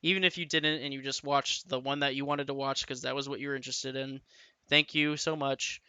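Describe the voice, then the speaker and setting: Casual male vlogger, off-the-cuff and rambling, crisp and dry. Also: mid-range voice, flat delivery, a little fast, sharp tone, dry recording. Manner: rambling, with frequent restarts and "like". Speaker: tabletop and larp rules reviewer. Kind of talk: casual unscripted rant to camera. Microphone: camera mic.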